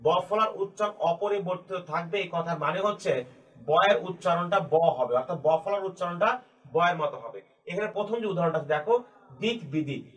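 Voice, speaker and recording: A man with a Bangladeshi Bengali accent teaching a grammar lesson to students, patiently repeating and slowly spelling out each key point. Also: high-pitched, a bit bright.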